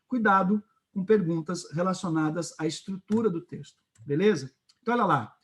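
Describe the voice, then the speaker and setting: A man with a Brazilian Portuguese accent teaching a literature class, lively and checking in often with his students. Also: high-pitched, brisk. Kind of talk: classroom lecture.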